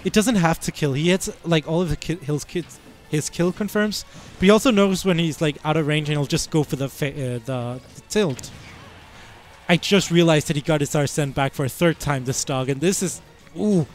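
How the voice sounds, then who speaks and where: A man's voice: on the high side, normal speed, faint music behind. A man giving casual, rambling commentary on a fighting game match through a headset, laughing often. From Iceland. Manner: giggly, rambling, playful. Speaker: esports commentator.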